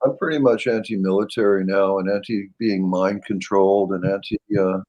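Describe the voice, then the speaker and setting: A man's voice: sits low, steady tone, normal speed, a little mellow, low-quality recording. A middle-aged man, chatting casually and apologetically on a webcam call. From Canada. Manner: rambling, apologetic. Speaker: livestream host. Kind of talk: casual chat.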